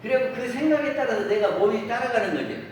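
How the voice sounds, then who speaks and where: A man's voice: very high voice, fast talker. A man who is a Won Buddhist minister, giving a dharma talk to a congregation and often turning to the listeners with questions or acting out everyday remarks. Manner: asks the listeners questions and acts out everyday quotes. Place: temple dharma hall. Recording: very echoey hall, voice from far off, faint hiss.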